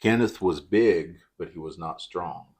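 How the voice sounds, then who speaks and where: A man, co-hosting a true-crime podcast and telling the story in a dry, deadpan way. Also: sits low, measured pace, breathy edge. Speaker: podcast co-host.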